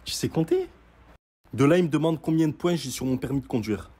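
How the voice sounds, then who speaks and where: A young man telling a story in a casual, sarcastic rant, mocking and animated as he recounts events. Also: mid-range voice, quick pace, slightly rough.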